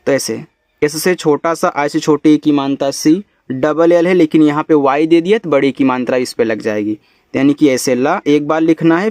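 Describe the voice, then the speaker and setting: Man, teacher, spells words letter by letter, higher-pitched, dry recording. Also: a little mellow, dry recording. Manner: spells out letters slowly, then explains in Hindi. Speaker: English teacher. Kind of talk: spelling lesson.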